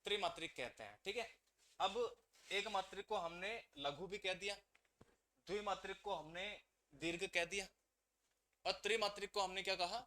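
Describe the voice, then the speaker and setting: A man's voice: sits high, normal speed, pauses often, sharp tone. A man teaching a grammar lesson to exam students. He keeps asking the class questions and then answers them himself.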